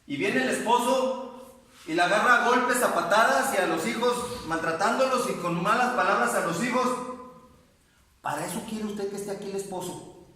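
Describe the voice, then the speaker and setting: A man's voice: sits high, normal speed, sharp tone, distant mic. A man preaching a sermon as pastor, fervently acting out his own pleading prayers aloud. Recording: echoey hall, voice from off-mic.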